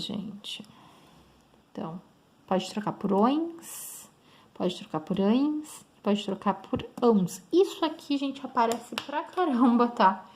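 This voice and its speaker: A woman whose voice is on the high side teaches an online grammar lesson in Brazilian Portuguese–accented speech, breaking things down step by step and often checking on her students.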